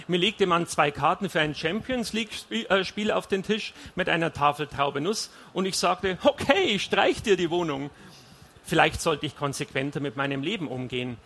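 Bright, husky male audiobook narrator. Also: a little high, brisk. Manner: wry, confessional storytelling. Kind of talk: first-person audiobook narration.

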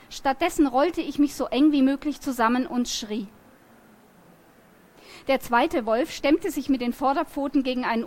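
A woman reading a novel aloud in a lively, expressive storytelling manner. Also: on the high side. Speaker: reader.

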